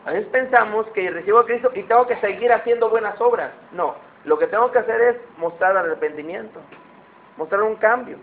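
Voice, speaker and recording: A man's voice: high voice, brisk. A man preaching a conversational sermon, often asking his listeners questions. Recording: tinny phone-like sound.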